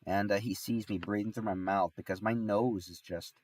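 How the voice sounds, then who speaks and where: Low-voiced sick man rambling. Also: steady tone, normal speed, distant mic, noisy background. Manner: rambling, with many restarts and fillers. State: sick with a stuffy nose. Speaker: streamer. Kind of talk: casual storytelling on a livestream.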